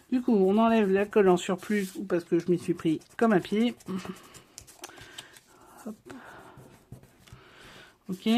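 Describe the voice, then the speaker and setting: A woman's voice: medium pitch, warm tone. A woman hosting a casual craft tutorial, chatting as she works and checking in with viewers as she goes. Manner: chatty, talks straight to viewers with frequent check-ins. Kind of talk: casual step-by-step craft demonstration.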